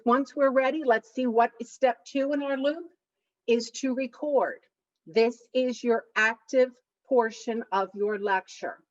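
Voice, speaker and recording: Woman presenter, fairly high voice, very slow and instructive, distant dull call audio. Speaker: study skills presenter. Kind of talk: online study skills session. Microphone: video call.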